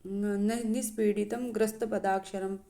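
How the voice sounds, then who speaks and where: A woman teaching a lesson, reciting verses slowly and then explaining them with frequent pauses and fillers. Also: mid-range voice, steady tone, gravelly, mellow. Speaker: Sanskrit teacher.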